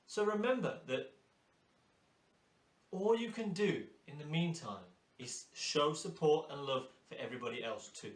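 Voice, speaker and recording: A man's voice: on the high side, expressive, a little slow. A man giving a motivational course lecture as a hairdressing instructor, emphatic and fond of repeating his key phrases. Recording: roomy echo.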